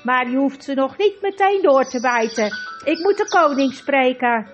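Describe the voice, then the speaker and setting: A kindly, courteous old male tutor, still out of breath, as a woman reads him. His voice sits high and polite. The recording is dull with faint music. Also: animated, normal speed. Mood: pleading.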